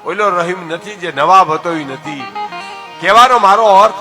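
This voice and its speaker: An older man from telling a folk tale, addressing his listeners directly and swinging between soft asides and loud exclamations. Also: sits high, moderate pace, faint music behind. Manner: lively storyteller, often addresses listeners as "saheb". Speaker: folk storyteller.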